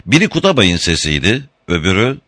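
Deep-voiced man narrating an audiobook. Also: big pitch swings, fairly quick, a bit bright, dry recording, clean studio sound.

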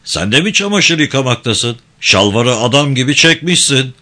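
A man reading a story aloud, voicing a coarse, brash young village man who talks roughly and swears. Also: mid-range voice, animated, normal speed, pushed and bright. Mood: gruff. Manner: gruff, swearing, blustering.

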